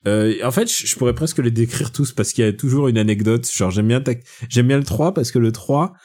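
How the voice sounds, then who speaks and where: A man in casual conversation about films, rambling from point to point and restarting his sentences. His voice is dark and mellow, sitting at an ordinary middle pitch. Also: a little fast. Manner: chatty, digressive, with frequent restarts. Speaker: podcast host. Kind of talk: casual film chat.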